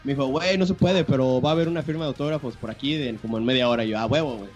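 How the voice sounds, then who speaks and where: A young man with a Mexican accent telling a story to friends in casual, slangy chat, excited and swearing freely. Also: medium pitch, rapid-fire, highs cut off, music in the background. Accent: Mexican Spanish.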